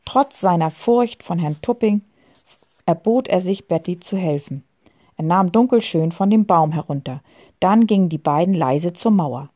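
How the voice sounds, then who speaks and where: A woman calmly reading a children's story aloud. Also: on the low side, normal speed. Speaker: narrator.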